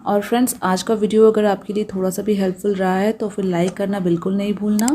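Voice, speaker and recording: Woman giving a pronunciation lesson, soft mellow voice, patient and slow on the key rules. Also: medium pitch, flat delivery, a little hiss or hum. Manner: patient, slows down to stress rules. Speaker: English pronunciation teacher. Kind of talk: explanatory lesson.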